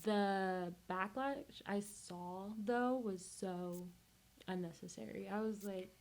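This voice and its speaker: A young woman hosts a casual student podcast. She talks in a chatty, animated way, laughing often and jumping between thoughts. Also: medium pitch, slow pace, vocal fry, poor audio. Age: young adult. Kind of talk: casual chat.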